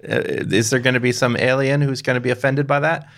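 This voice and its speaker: Guy running a goofy improv game on a podcast, asks questions, mid pitch. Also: fairly even intonation, fairly quick, fairly bright tone. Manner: questioning, playing along. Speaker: podcast host.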